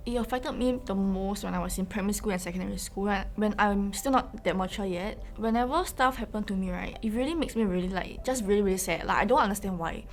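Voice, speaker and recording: A woman's voice: mid-range voice, fast, hardly any pauses. A young woman from China, answering interview questions earnestly with frequent fillers. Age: young adult.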